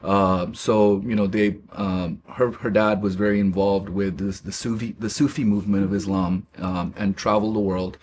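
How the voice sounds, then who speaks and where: A man in his forties from Pakistan, a guest speaking haltingly in a casual interview, with many fillers and restarts. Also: fairly low pitch, fairly even intonation, a little mellow, slight background noise.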